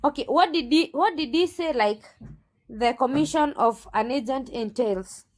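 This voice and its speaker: An assertive woman with a Kenyan accent speaks as an agency owner in an interview. Her voice is notably high, and she argues her points firmly. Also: moderate pace. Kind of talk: interview guest.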